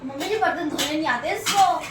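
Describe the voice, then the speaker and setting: A woman's voice: high voice, fairly quick. A woman playing a complaining daughter-in-law in a family comedy skit, tattling to her mother-in-law. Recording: echoey room from far off with faint noise.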